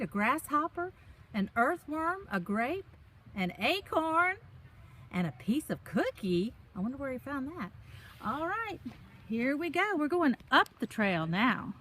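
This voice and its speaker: In a high, sing-song, somewhat bright voice, a woman reads a picture book to children on a park trail at a measured pace. She breaks off now and then to address them directly with simple, encouraging, chatty remarks.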